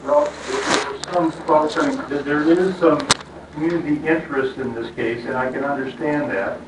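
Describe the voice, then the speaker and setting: An American man presiding as a judge, speaking formally but haltingly through a face mask, with frequent hesitations and repeated words. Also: fairly high pitch. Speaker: judge presiding over a court hearing. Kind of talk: formal courtroom address from the bench, partly informal. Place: courtroom. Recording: echoey courtroom, distant mic, faint noise.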